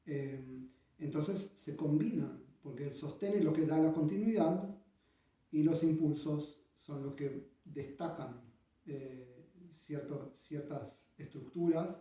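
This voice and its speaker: A man explains bandoneon technique in a very dark, mellow voice pitched a little high. He talks thoughtfully with frequent pauses and sings out rhythms. He is heard from a distance in a strongly echoing room, with a bandoneon playing behind him. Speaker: bandoneon teacher. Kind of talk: instructional explanation.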